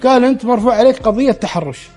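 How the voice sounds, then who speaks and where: A man with a very high, darkish-toned voice tells a true story at a rapid-fire pace while faint music plays behind him. He relays dialogue in quotes and often restarts his words.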